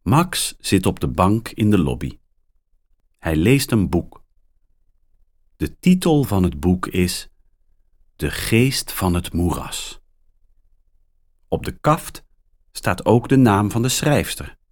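A man narrating a children's story at a very slow, careful pace. His voice sits somewhat low. It rises and falls expressively from line to line. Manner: very slow, clearly articulated, expressive.

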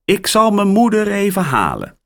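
A man voicing a polite, cheerful young girl answering the phone, in a raised, clear voice. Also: high-pitched, huge pitch swings, normal speed, a bit bright, pitched above the performer's own voice, full character voice.

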